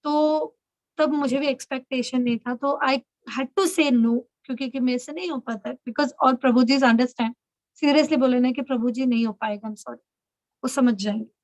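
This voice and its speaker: Woman mentor on a call, high voice, dry close sound, keeps asking ok?. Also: no echo, poor audio. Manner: direct, instructive, checks understanding often. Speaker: spiritual mentor leading an online girls' session. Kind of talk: instructive talk in Hindi-English mix.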